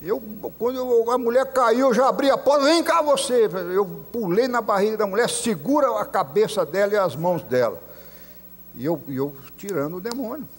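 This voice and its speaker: A man's voice: high voice, lively intonation, a little fast. A man with a Brazilian Portuguese accent, a messianic rabbi preaching a sermon, telling stories and acting out the voices he quotes. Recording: long hall reverb.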